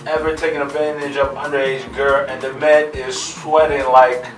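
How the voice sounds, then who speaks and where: A man's voice: medium pitch, moderate pace, roomy sound, far from the mic, soft background music. A man appearing as a talk show guest, joking and laughing as he talks in casual debate. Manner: joking, laughs while talking, animated.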